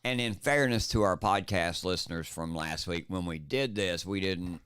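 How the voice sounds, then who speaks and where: A man's voice: low voice, normal speed, fairly bright tone, clear, resonant tone, no echo. A man co-hosting a political talk podcast, speaking emphatically and with passion. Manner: emphatic, impassioned ranting. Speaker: podcast co-host.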